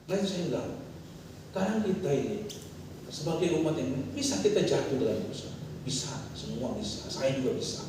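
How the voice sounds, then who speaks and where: A man's voice: mid-range voice, brisk, noisy background. Middle-aged man preaching in an echoey hall. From Indonesia. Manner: conversational preaching with anecdotes, rising animated emphasis. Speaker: pastor. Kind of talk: sermon. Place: church hall. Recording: echoey church hall from far off.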